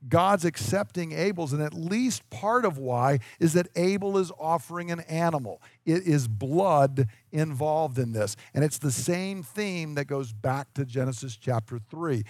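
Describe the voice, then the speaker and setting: A male pastor delivers a sermon in an earnest voice, slightly higher than most men. He slows down for emphasis and acts out the lines he quotes. The recording is dry and close. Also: no echo.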